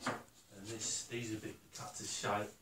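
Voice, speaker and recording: Thinking aloud in a halting, matter-of-fact way, a low-voiced older woodworker demonstrates his build step by step with a flat delivery. The setting is a concrete-block workshop and house room, echoey, with faint noise and handling clicks.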